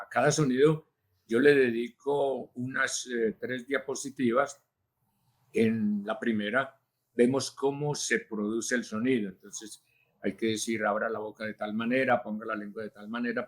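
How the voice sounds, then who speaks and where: A man, a linguist answering interview questions in a measured, teacherly way, with frequent hesitations. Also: mid-range voice. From Colombia. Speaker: linguist and journalist, interview guest.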